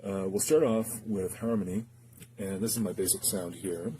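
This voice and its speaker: In a very noisy recording, a man demonstrates a guitar effects pedal without a script, speaking hesitantly and thinking aloud. His voice is low, fairly even in intonation, and moderately paced.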